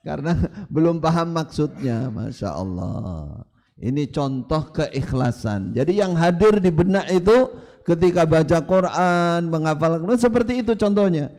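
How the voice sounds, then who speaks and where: A man's voice: fairly high pitch, animated, unhurried, darkish tone. Male preacher, emphatic. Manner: emphatic, storytelling with rising and falling delivery. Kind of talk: sermon.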